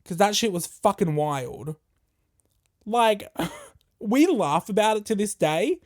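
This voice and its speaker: A podcast host, telling a story casually in a profane, animated and jokey way. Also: medium pitch, takes it slowly.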